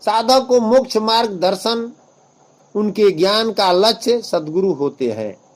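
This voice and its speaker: A man giving a devotional commentary on scripture, explaining it in a slow, measured way and chanting verses in a long, drawn-out style. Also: high voice, animated, poor audio. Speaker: religious scripture expounder.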